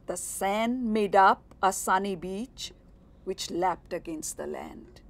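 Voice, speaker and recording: A woman reciting a rhyming poem in a rhythmic, expressive way. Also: medium pitch. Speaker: poetry reciter. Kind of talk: poetry recitation.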